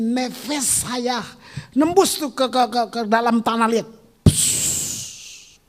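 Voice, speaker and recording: Seorang pendeta pria berkhotbah dengan gaya teatrikal dan penuh canda, berganti dari bisikan pelan ke teriakan. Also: male voice, very high voice. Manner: theatrical, swings from hushed whispers to shouts; jokey and teasing with the congregation. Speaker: pastor. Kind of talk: sermon.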